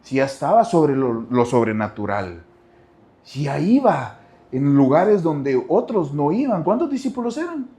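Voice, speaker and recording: A man pastor preaching a sermon, dropping to soft low asides and rising to loud cries, talking straight to the congregation and repeating phrases. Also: very animated, unhurried.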